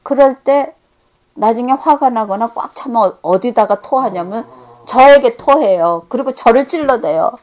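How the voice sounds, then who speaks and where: A middle-aged woman delivers a sermon in a high, light voice. She speaks earnestly, swelling into emphatic peaks before falling back to hushed, near-whispered lines. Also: normal speed. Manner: earnest, rising to emphatic peaks then dropping to hushed tones. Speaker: preacher.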